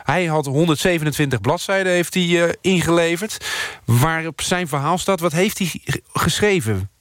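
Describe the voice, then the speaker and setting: A man's voice: fairly high pitch, moderate pace, a bit bright, no room sound, studio quality. A male radio news presenter introducing a story and questioning a reporter in a conversational way, sometimes stumbling over his words.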